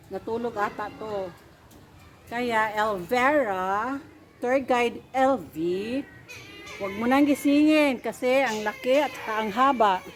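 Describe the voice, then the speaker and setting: A woman vlogger gives a casual tour of an outdoor resort and stops to greet the animals. Her voice sits a little high and she talks slowly and unhurriedly. The phone recording has a lot of background noise. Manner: chatty, talks to the animals, mixes in English. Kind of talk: casual walking vlog.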